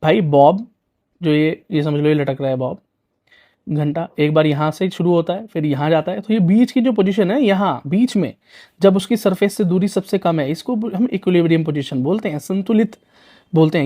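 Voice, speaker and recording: A man's voice: high-pitched, mellow. A young man, teaching physics for exam prep in a chatty, coaxing way full of rhetorical questions.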